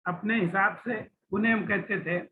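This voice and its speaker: High-voiced guy teaching chemistry, asks the class questions, tinny lo-fi sound with a bit of background hum. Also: steady tone, normal speed. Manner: explains with homely examples and asks the class questions; addresses students as "beta ji". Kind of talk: classroom lecture. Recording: tinny phone-like recording with faint ambience.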